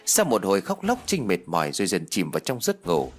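A man narrating a ghost story audiobook in an expressive storytelling manner. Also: sits low, brisk, soft background music.

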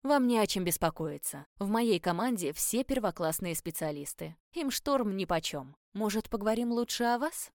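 A woman's voice: medium pitch, animated, moderate pace, hardly any pauses, darkish tone, no echo, clean studio sound, close to an everyday voice. Captain Эль, read by a woman, a flirtatious seafarer. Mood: teasing. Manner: teasing, assured. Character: flirtatious confident male ship captain. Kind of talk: audiobook character reading.

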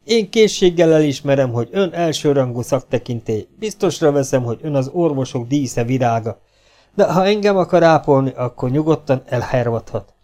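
A man's voice: medium pitch, animated, mellow, voice pushed up, close to an everyday voice. A man voicing a stubborn young legionnaire who answers with wry, polite defiance.

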